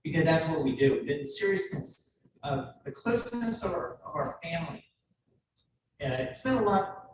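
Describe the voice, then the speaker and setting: A man giving a personal tribute speech at his brother's retirement ceremony, joking and halting, with many restarts. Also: fairly high pitch, lively intonation, noisy background. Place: large ceremony hall. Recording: echoey hall from far off.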